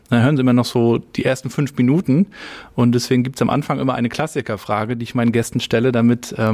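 A man's voice: mid-range voice, a little mellow, dry recording. A middle-aged man hosting a podcast, chatty and friendly, with frequent fillers. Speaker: podcast host. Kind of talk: casual interview chat.

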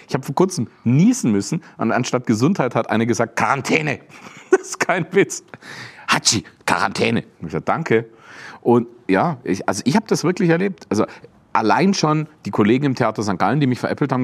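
A man's voice: medium pitch, brisk. A German comedian with a German accent, chatting casually and acting out quotes in his anecdotes. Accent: German Standard German. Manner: animated storyteller acting out quotes.

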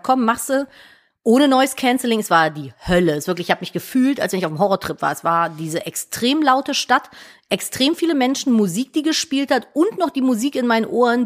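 Animated woman telling a story. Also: on the high side. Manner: animated, acts out both sides of quoted dialogue. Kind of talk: casual chat, anecdote telling.

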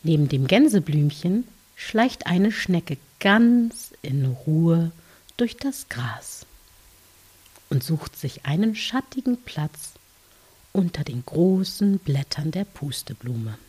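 Female narrator for children's guided relaxation: mellow, low-leaning, soft dreamy hush, soothing and unhurried. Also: expressive. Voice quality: soft, breathy, hushed, at times near whisper. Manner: gentle, soothing, unhurried with long pauses.

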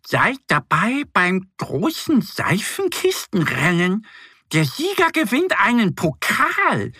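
A man doing Annie, a squeaky little duckling. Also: slow, breathy edge, dry recording, studio quality, full character voice. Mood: excited. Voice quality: very high squeaky voice. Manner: bright, excited exclamations. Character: little cheerful female duckling, curious and cautious.

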